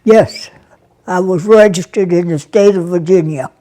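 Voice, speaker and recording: A woman over a hundred, raised in Brazil, recalling her years as an army nurse in an interview, speaking softly and haltingly with many pauses. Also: fairly low pitch. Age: over 100. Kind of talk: interview reminiscence.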